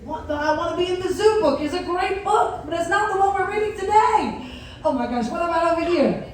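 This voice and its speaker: Very high-voiced woman hosting in an echoey theatre. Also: brisk. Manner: animated, addresses children in the audience with questions and prompts. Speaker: cruise director hosting a story time. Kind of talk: interactive children's stage hosting. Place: indoor theatre on a cruise ship. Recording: very echoey theatre, distant mic, faint noise.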